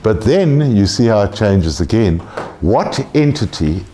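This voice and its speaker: A man's voice: fairly low pitch, big pitch swings, a little slow, warm tone, a little hiss or hum. A man lecturing a class on tax, blunt and joking, swearing casually.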